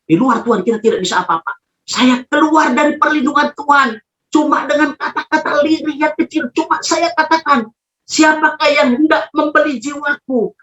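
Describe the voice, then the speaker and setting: A man's voice: extremely high pitch, fairly quick, fairly bright tone. A man preaching a sermon as a pastor, telling a personal story with emphatic, dramatic delivery. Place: his own room. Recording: echoey, dull lo-fi room recording.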